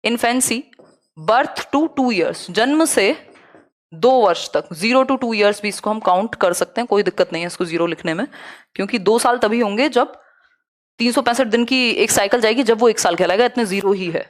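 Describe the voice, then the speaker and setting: A woman's voice: mid-range voice, moderate pace. A young adult woman with a Hindi accent teaching a live online exam-prep lecture, explaining with rhetorical questions and English terms.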